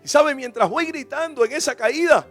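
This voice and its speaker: A male pastor delivering a sermon, his voice pitched high for a man. He preaches with impassioned emphasis, swelling up on key phrases and dropping low to tell a story. Soft music plays faintly behind him. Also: normal speed. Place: church.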